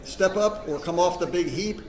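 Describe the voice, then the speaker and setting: A man with a fairly high voice weighs up moves aloud and tosses in wry quips. His voice echoes a little in a roomy space. A crowd murmurs steadily behind him. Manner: quick quips, thinks aloud. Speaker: expert guest commentator. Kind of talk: game analysis commentary. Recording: roomy sound with crowd noise.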